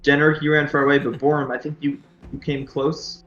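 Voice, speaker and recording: A man running a tabletop game as dungeon master, laid-back and halting, with lots of pauses and fillers. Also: on the high side, little pitch movement, a bit bright, dull audio. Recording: echoey room with faint music.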